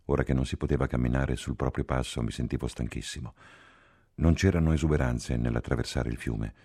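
A man narrates a literary novel in a steady, sober first-person voice. His tone sits very low with a gravelly, husky grain. The reading is measured and unhurried. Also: no room sound, clean studio sound. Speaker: audiobook reader.

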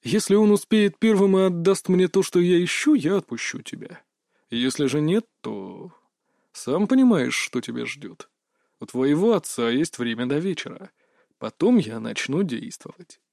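A man voicing a calm, mocking male kidnapper boss who talks with quiet menace. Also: on the high side, moderate pace, gravelly, no echo, clean studio sound. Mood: menacing.

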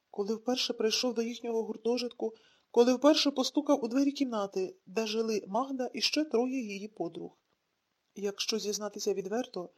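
A woman narrating an audiobook in a calm, reflective storytelling manner. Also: fairly high pitch. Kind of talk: scripted narration.

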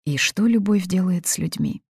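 A woman's voice: sits low, expressive, moderate pace, darkish tone, no echo, studio quality. A woman reading aloud, voicing a blunt, matter-of-fact young woman friend. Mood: calming. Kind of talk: audiobook reading.

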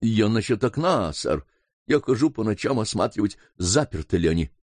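A man's voice: fairly low pitch, sing-song, normal speed, no echo. A man reading an audiobook voices a nervous, evasive male butler.

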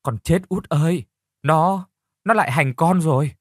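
A man's voice: mid-range voice, big pitch swings, moderate pace, breathy edge, no echo, clean studio sound. A man voicing a frightened young pregnant woman who pleads through tears. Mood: pleading. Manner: pleading, tearful.

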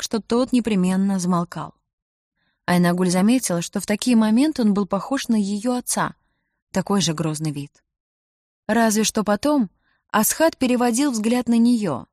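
A woman narrating an audiobook in a measured, even reading voice. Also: on the high side, no echo, studio quality.

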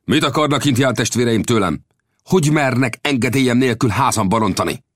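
A man's voice: mid-range voice, sing-song, fairly bright tone, husky, dry recording, clean studio sound, voice pushed up. A man voicing a proud, hot-tempered ranch owner in an audiobook, indignant and blustering.

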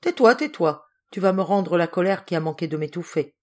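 A woman's voice: fairly low pitch, very animated, measured pace. Grumpy old general barking at people, woman reading it. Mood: emotional. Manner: harsh, scolding. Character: stern, irascible old male general.

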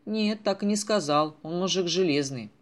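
A man voicing a self-important, folksy small-town drinker who talks loudly. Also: high-pitched, normal speed, close to an everyday voice.

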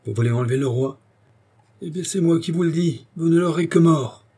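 A man reading an audiobook, voicing a fierce revolutionary who shouts his defiance. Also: fairly high pitch, a little fast, husky, voice pushed up. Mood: defiant.

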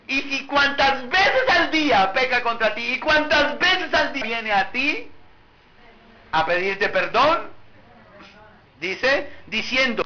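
High, animated bright-voiced preacher. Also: male voice. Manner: animated preaching, rhetorical questions to the congregation. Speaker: pastor. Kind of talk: sermon. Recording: muffled recording with faint background noise.

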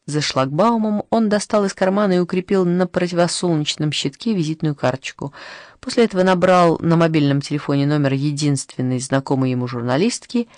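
An audiobook reader narrating a novel in a steady, expressive storytelling manner. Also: medium pitch, brisk, no room sound, clean studio sound.

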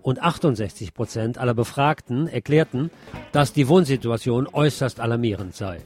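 This man delivers scripted news commentary for radio in a measured, emphatic style, with the occasional wry aside. His pitch is medium, and music plays in the background.

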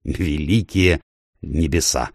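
A man's voice: a bass voice, takes it slowly, no room sound, studio quality, heavily acted. A man reading an audiobook, voicing a middle-aged usurper king who barks indignantly at his lords. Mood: furious. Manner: barking, indignant.

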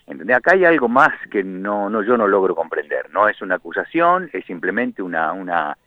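A man's voice: low voice, very animated, brisk, dry recording. An Argentine man, a radio correspondent, calling in and talking in an impassioned, indignant way with many restarts. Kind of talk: phone-in radio commentary. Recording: tinny phone line.

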